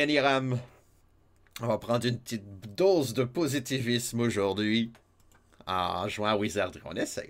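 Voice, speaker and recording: A man with a Québécois accent streaming a retro game, chatting and joking with his viewers and laughing often. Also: on the low side. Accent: Québécois French. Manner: chatty, jokey, laughs often, reads chat aloud. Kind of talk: casual let's-play chat with viewers.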